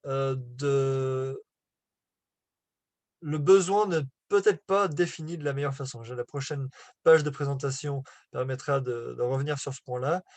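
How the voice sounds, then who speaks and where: A man's voice: mid-range voice, no echo. Hesitant man teaching, dry close sound. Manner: hesitant, many fillers and restarts, self-correcting; apologetic about his French, laughs at himself. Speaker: business coach presenting slides. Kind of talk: live online lesson.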